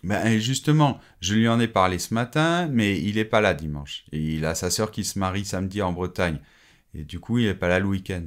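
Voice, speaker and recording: A man's voice: deep voice, brisk, lightly acted. A man playing an anxious young father pleading with a coworker in a scripted French lesson dialogue. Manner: pleading, apologetic.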